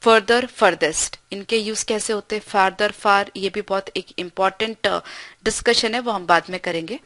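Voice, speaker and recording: A woman teaching English grammar in a recorded lesson, explaining patiently and reading example sentences slowly with frequent check-ins. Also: mid-range voice, a bit bright, no echo.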